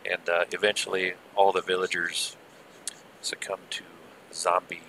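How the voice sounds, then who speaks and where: A man giving casual, rambling live gameplay commentary with muttered asides, heard through low-quality stream audio from an old headset. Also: completely flat delivery, unhurried, bright, forceful tone, a little hiss or hum. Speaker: game server streamer.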